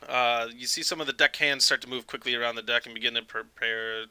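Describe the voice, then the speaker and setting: A man's voice: mid-range voice, fairly even intonation, quick pace, sharp tone, clear, resonant tone, no echo. A man running a tabletop game as game master, narrating the scene with frequent filler sounds.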